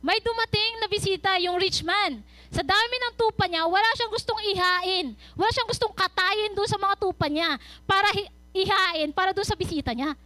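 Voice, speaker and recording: A young woman giving a youth sermon, retelling a Bible story in lively Taglish with quick asides. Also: extremely high pitch, dry recording. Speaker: youth speaker.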